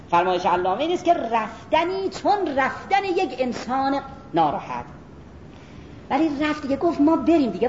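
A woman giving an animated religious lecture as a Quran teacher, reciting Arabic verses and speaking directly to her listeners. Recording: echoey room, dull lo-fi sound, faint rumble.

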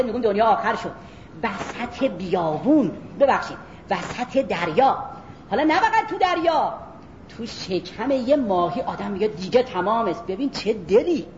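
Here a female Quran teacher lectures with animation on religion, addressing listeners head-on and reciting verses in Arabic. A faint rumble sits under the dull, lo-fi audio, and the room echoes.

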